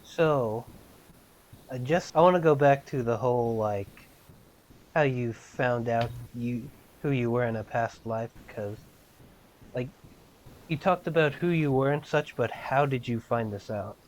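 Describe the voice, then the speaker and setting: Slow, hesitant young male host. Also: mid-range voice, a little mellow, slight background noise, poor audio. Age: young adult. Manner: hesitant questions with fillers. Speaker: podcast host. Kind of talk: casual interview.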